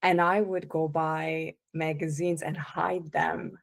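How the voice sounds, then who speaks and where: A woman coach telling her life story as a podcast guest, in a relaxed, conversational way with frequent restarts. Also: deep voice, slow, vocal fry. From born in the United States, raised in Italy and Canada. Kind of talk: casual interview chat.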